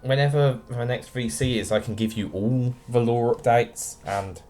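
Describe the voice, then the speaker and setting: Streaming a game, a young man chats casually with viewers, addressing them by name in a dry, wry manner. His voice is warm and medium-pitched, his pace moderate, with slight background noise.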